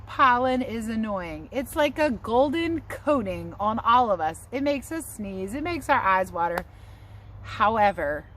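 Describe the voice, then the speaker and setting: A woman teacher with a mid-range, somewhat bright voice reads a picture book to children outside beneath trees near a house. She adds offhand remarks and encourages her young audience, as outdoor noise and overhead aircraft are audible.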